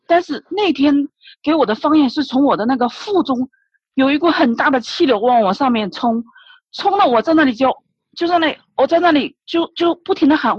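A woman's voice: high voice, no room sound. A woman giving an emotional personal religious testimony, retelling her prayers with many repeated words and restarts. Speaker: church member giving testimony. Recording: dull lo-fi recording, dry.

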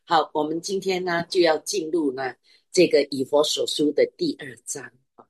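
A woman's voice: low voice, normal speed, darkish tone, husky, dry recording. A middle-aged woman preaching a sermon, stressing her points by repeating phrases.

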